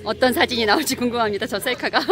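Talking fairly quickly in a fairly high pitch, a woman narrates an outdoor Kenyan wedding in a laid-back, chatty style, often laughing. Music plays behind her voice-over commentary.

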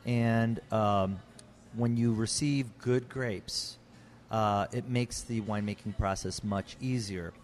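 A man's voice: lowish voice, steady tone, slow pace, a little hiss or hum. A middle-aged man, a winemaker explaining his trade in an earnest, casual way with frequent restarts. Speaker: Texas winemaker guest. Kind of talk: casual interview talk.

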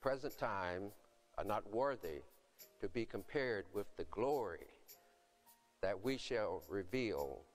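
An older man, a deacon, reading scripture and praying from a podium on a dark church stage in a slow, solemn, measured way. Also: lowish voice, animated, soft background music.

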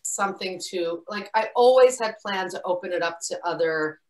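A woman filmmaker answering audience questions in a relaxed way. She talks haltingly, with many restarts and a lot of "you know.". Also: fairly low pitch, rough recording. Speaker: filmmaker guest speaker. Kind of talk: casual Q&A talk. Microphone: video call.

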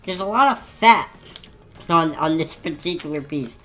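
A woman's voice: low-pitched, animated, normal speed, a bit bright, soft background music. A woman chatting casually in a food tasting vlog, talking with her mouth full while chewing. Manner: chatty, laughs easily. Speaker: vlogger.

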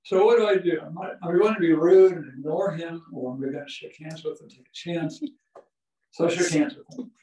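Here the same kind of storytelling museum lecture comes from an older man whose warm, fairly high voice moves a little fast with fairly even intonation. He chuckles occasionally through his anecdotes in a small museum meeting room indoors. The audio is dull and echoey, recorded from far away by a camera with no visible microphone.

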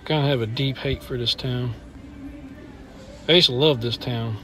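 A man's voice: medium pitch, steady tone, normal speed, pushed and bright, faint music behind. A middle-aged man walking through an indoor shopping mall with a handheld phone, complaining bluntly as he films. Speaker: vlogger. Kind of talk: walking mall tour vlog.

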